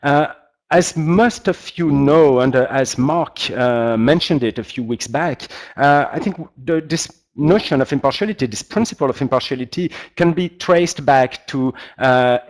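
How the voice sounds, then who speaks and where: Giving a webinar presentation as a guest expert, this humanitarian practitioner speaks with a strong French accent in a medium-pitched voice, a little slowly. He stays polite but hesitates frequently while looking for words.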